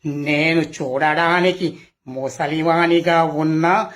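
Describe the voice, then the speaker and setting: A man playing a boastful, menacing Telugu film villain in a taunting, theatrical style with drawn-out phrases. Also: on the high side, steady tone, fairly bright tone, slight background noise. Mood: boastful, defiant.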